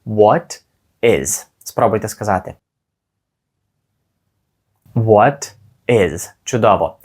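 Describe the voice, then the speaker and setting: A man teaching children simple English words slowly, encouraging them and pausing so they can repeat. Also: on the low side, a little mellow. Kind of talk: slow, clear language lesson for kids.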